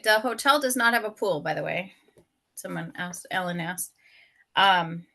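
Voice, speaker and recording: A woman co-organizing a fan trip, giving casual updates on a video call. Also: medium pitch. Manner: relaxed, loose with fillers. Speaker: event co-organizer.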